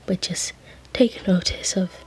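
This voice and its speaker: A woman voicing a gentle, fussy male angel bookseller in a whispered role-play, soft and stammering with endearments. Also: slow pace, lightly acted. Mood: doting.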